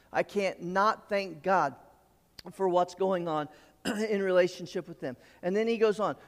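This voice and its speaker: A man's voice: high voice, in a large hall. A man preaching a sermon, explaining scripture in an earnest way with light asides. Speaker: pastor.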